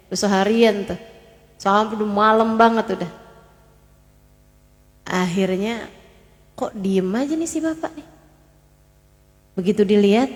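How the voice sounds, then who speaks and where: A woman preacher telling a story in an animated way and speaking directly to her congregation. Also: medium pitch, long reverb tail. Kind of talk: sermon storytelling.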